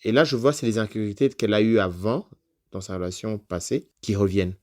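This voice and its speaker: Male podcast guest with a lowish voice and a casual storytelling delivery, loosely phrased with plenty of fillers. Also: quick pace, a little mellow.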